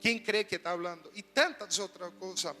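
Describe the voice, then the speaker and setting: A man preaching a sermon as pastor, animated and full of rhetorical questions, in a church hall. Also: high voice, normal speed. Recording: reverberant hall with soft music.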